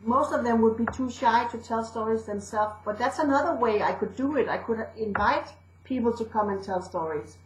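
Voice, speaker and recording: Her voice sits a little high, moving at a normal speed with few pauses, though the recording is rough, reverberant, and carries a slight hiss or hum. She's a woman from Denmark, a storyteller and educator with a Danish accent, chatting through an interview with fillers and restarts.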